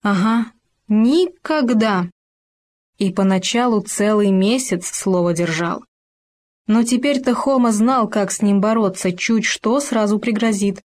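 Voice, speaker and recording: A woman narrating a scripted fairy tale expressively, slowing down for suspense. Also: medium pitch, a little mellow. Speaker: storyteller.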